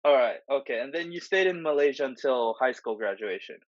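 A man's voice: mid-range voice, lively intonation, a little fast, no room sound, dull audio. A man hosting a casual podcast chat, asking questions with many fillers and restarts. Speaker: podcast host. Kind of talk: casual conversational interview.

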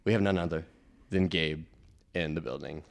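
A man's voice: extremely low pitch, normal speed, vocal fry. A man hosting a casual podcast, often stumbling and restarting his phrases. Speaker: podcast host.

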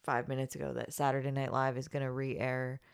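A woman's voice: rumbling low, level tone, brisk, creaky, smooth, no room sound, studio quality. A woman co-hosting a casual podcast, sounding congested after crying, giggly and rambling. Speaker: podcast co-host. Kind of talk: casual chat.

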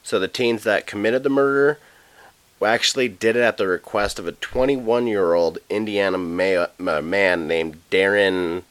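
A man co-hosting a true crime podcast, telling a case in a loose, profane, halting way with many fillers. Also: fairly low pitch, a bit bright, no echo. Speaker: podcast co-host. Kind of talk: casual true crime chat.

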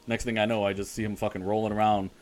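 A man's voice: fairly low pitch, little pitch movement, quick pace, darkish tone, slight background noise. A man co-hosting a casual podcast, rambling and swearing freely as he tells stories and laughs often. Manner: rambling, profane, laughs a lot. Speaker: podcast co-host.

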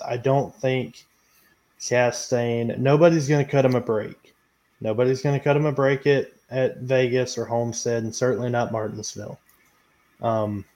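Man, podcast host, mid pitch, hesitant, measured. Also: darkish tone. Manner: hesitant, lots of ums. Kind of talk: casual debate moderation.

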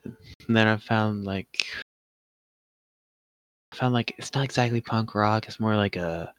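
Young male podcast co-host, low voice, dry close sound, rambling and jokey. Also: measured pace, clear, resonant tone, dry recording. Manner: joking, laughs often, rambling. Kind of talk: casual podcast chat.

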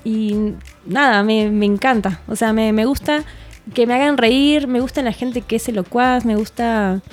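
A woman's voice: fairly high pitch, measured pace. Woman, Mexican accent, podcast guest, laid-back rambling chat, light music in background. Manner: laid-back, rambling, with many tag questions.

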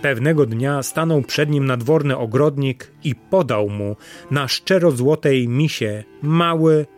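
A male storyteller reads a fairy tale in a measured, even voice of middling pitch, slowing down for the solemn moments. A guitar plays softly in the background. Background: faint guitar music.

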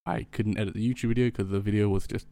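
A man's voice: lowish voice, fairly even intonation, fast, vocal fry, dark tone, dry recording. A man in his late teens with a lisp, hosting a casual podcast chat, rambling and swearing freely with plenty of ums. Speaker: podcast host.

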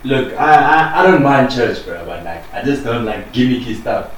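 A man's voice: mid-range voice, big pitch swings, normal speed. A young man with a South African accent, chatting casually and using plenty of slang. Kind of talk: casual banter. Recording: echoey room, distant mic, faint noise.

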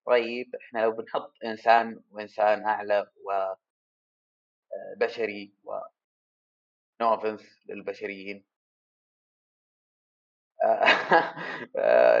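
A man muses aloud through a solo podcast, wandering from one question to the next and poking fun at himself. His voice sits a little low. The home recording sounds muffled and lo-fi. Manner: rambling, self-deprecating, thinking aloud. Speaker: podcast host. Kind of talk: casual solo podcast monologue.

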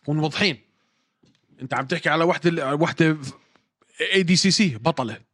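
A man, co-hosting a sports podcast in a joking, lively way. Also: fairly high pitch, fast. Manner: lively, joking, laughs often. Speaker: podcast co-host. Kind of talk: casual sports chat.

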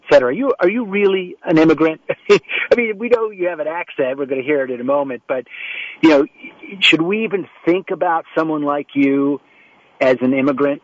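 With a slightly high voice on a lo-fi, roomless recording, a talk show host works from a home setup in New York over a remote connection. He introduces guests and asks questions somewhat ramblingly, with frequent restarts and fillers.

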